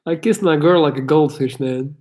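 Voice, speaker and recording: Sitting in his parents' house, a man from Belgium with an English accent that sounds American answers chat questions in a casual live Q&A, candid, blunt and freely swearing. He talks at a moderate pace in a high-ish, slightly mellow voice.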